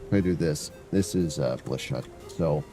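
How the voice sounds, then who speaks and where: Over music, a variety streamer speaks in a rumbling low voice at normal speed, rambling casually through a live gameplay session. He has a stuffy nose, thinks out loud and hums to himself as he goes.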